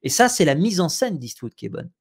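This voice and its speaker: A man with a French accent hosts a casual film chat, his voice sitting a little high. He talks in animated bursts, stopping and restarting his sentences as he goes. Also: a little fast, gravelly, breathy edge. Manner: animated, many hesitations and restarts. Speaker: podcast host. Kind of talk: casual chat about films.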